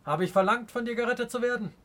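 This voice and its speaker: A man reading aloud as a proud, stern chief in a storybook, speaking with slow, weighty scorn. The voice sits a touch high for a man. It sounds commanding rather than shouted. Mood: angry. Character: proud stern adult male Native chief. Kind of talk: audiobook character reading.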